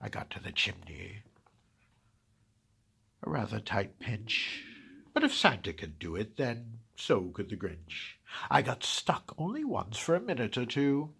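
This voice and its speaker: A man voicing a grumpy, scheming holiday-hating Grinch in a dramatic first-person storybook reading, sneering, hissing in whispers and bursting out loud. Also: fairly low pitch, sing-song, measured pace, heavily acted. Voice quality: gravelly, raspy. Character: grumpy scheming green male holiday-hater.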